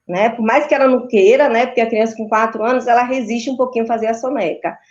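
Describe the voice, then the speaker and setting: A woman's voice: on the high side, steady tone, fast, darkish tone. Brazilian woman explaining, lo-fi audio. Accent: Brazilian Portuguese. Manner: didactic, frequent tag questions. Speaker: maternal and child sleep consultant. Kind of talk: explanatory interview answers. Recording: dull, lo-fi video call audio.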